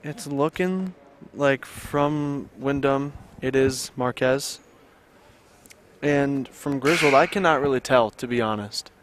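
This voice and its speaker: A man with a mid-range voice offers color commentary at a high school basketball game. He talks hesitantly, often restarting his sentences. Faint gym noise sits behind him. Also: slow. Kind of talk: casual sports commentary.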